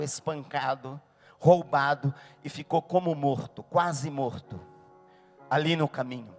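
Male pastor, fairly high, expressive sermon voice with shouted peaks, soft music under. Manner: animated, dramatic storytelling with sudden shouts.

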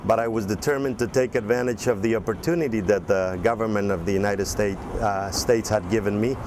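A political candidate from El Salvador in his 40s delivers a campaign video address in an earnest, measured way, often pausing with "uh." His lowish voice is a little mellow with fairly even intonation, captured on a lapel mic outdoors on city streets and inside a restaurant, with slight background noise.

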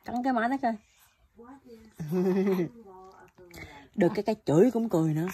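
A woman's voice: mid-range voice, normal speed, mellow. A woman in a home vlog talking to her baby son in teasing, playful baby talk, repeating her words. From Vietnam.

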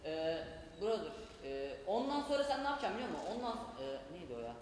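A man's voice: high-pitched, sing-song, fast. A young man playing a hesitant street vendor who fumbles for words and fills the gaps with stalling sounds. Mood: fumbling. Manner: hesitant, full of fillers, searching for words. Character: fumbling Turkish vendor who sells cheese and gözleme. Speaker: student actor in a school stage sketch. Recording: distant, echoey hall with noise.

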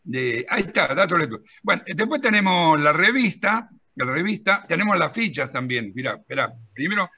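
A middle-aged man with a Rioplatense Spanish accent, animatedly demonstrating software on a video call while telling an anecdote and directing a helper at the screen. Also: a little high, big pitch swings, moderate pace, few pauses, dull audio. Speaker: presenter of a pension-law software and magazine.

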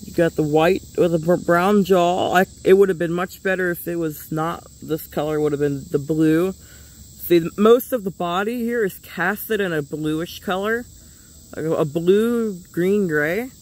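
Male toy reviewer, somewhat high voice, plain-spoken and meandering. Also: measured pace. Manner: rambling, stops and restarts often; plain-spoken, drops a curse casually. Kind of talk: casual hands-on toy review.

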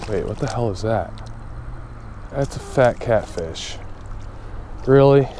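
A young fishing vlogger chats casually with his viewers while fishing at a pond, recorded on an action camera with outdoor noise from the body cam. His voice is on the low side and warm, animated but slow-paced.

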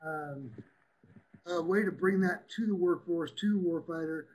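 A man giving a quick, upbeat, chatty presentation in an online meeting. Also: a little high, darkish tone, low-quality recording.

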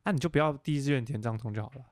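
A man's voice: mid-range voice, racing, no echo, studio quality. Teasing young man, podcast host. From Taiwan. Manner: teasing, blunt questions. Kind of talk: casual interview chat.

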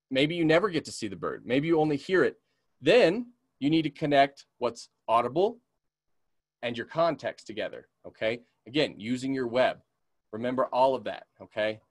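Lively naturalist man teaching a webinar. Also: medium pitch, dry recording, studio quality. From American West. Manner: lively, checks in with frequent "okay?", imitates bird calls. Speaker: community naturalist teaching a class. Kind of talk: webinar lesson.

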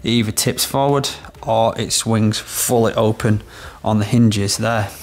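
Speaking a little slowly, this man has a fairly low, darkish voice with fairly even intonation. He's an electrician in his thirties, demonstrating a product in a house's small room and explaining the work step by step in a practical way.

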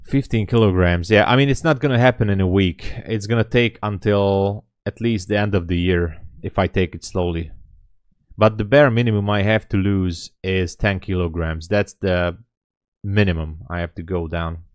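A man's voice: sits low, moderate pace, no echo, studio quality. A man in his late thirties chatting casually on a live trading stream, rambling and thinking aloud as he answers chat from a small room. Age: 30s. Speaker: day trading livestreamer.

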